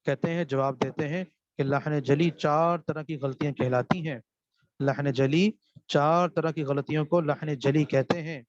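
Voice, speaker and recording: A man's voice: fairly high pitch, fairly even intonation, dry recording. A man teaching a seminary class, putting questions to his students and answering them himself while repeating key terms. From Pakistan. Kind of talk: classroom lecture on Quran recitation. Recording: dull dry lo-fi recording.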